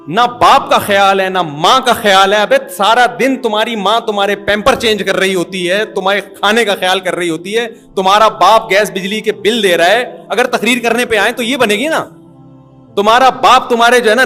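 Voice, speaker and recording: A man's voice: high voice, sharp tone. A middle-aged man telling an amused, humorous anecdote about family life as a father. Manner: amused storytelling, chuckling.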